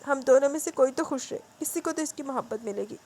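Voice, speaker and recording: A woman voicing a gentle young wife who pleads through tears, stumbling over her words. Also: high-pitched, slight background noise, pitched above the performer's own voice, close to an everyday voice. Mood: tearful. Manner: pleading, halting repeats.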